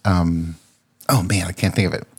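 A man's voice: low-pitched, steady tone, moderate pace, husky. A man hosting a casual solo podcast, rambling and searching for words with lots of ums. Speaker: podcast host.

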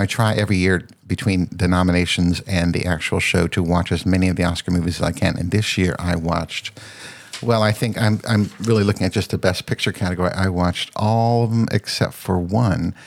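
A man's voice: deep voice, gravelly. A man hosting a casual solo podcast, rambling and searching for words with lots of ums. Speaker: podcast host.

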